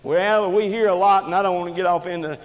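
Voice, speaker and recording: A man preaching a sermon in a church, impassioned, rising and falling sharply in pitch and loudness. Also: steady tone, fast. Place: church sanctuary. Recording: reverberant church hall recording.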